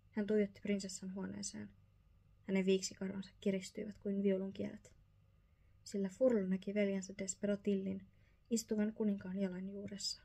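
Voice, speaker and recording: A woman reading a bedtime story aloud in a soft, slow whispered role-play style. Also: mid-range voice, gravelly, husky.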